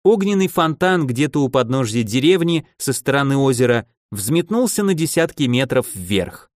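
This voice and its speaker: A man reading a fantasy novel aloud as audiobook narrator, lively and voicing the characters himself. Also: medium pitch, moderate pace, no room sound, clean studio sound. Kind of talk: scripted narration.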